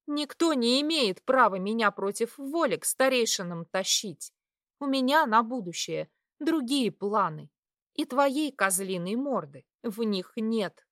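A woman's voice: on the high side, animated, measured pace, dry recording, clean studio sound. A young woman voicing a defiant female student who answers back in heated, raised bursts. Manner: heated, raised, sharp outbursts.

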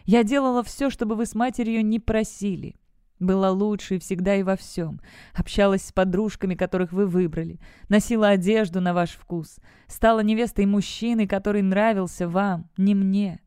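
A woman's voice: mid-range voice, fairly even intonation, normal speed, mellow, smooth, no room sound, clean studio sound, lightly acted. Woman voicing a furious young witch. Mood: bitter. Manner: bitter, defiant. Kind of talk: audiobook character voice.

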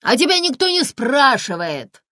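A brash young street thug, put on by a woman reading an audiobook, loud and crude with his slang. The voice jumps up high and swings widely, recorded dry and close. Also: animated, moderate pace, dry recording, lightly acted. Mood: brash gloating.

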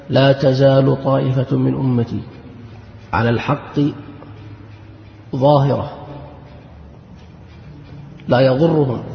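A man's voice: mid-range voice, creaky, slight background noise. A man giving a religious lesson as an Islamic lecturer, speaking fervently and rising to emphatic outbursts. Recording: dull lo-fi recording in an echoey hall.

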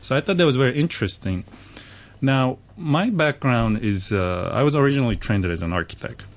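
A man's voice: medium pitch, animated, a little fast. A man from South Korea, a native Korean speaker, talking about his art as a guest in a radio interview, with many fillers and restarts. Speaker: artist guest.

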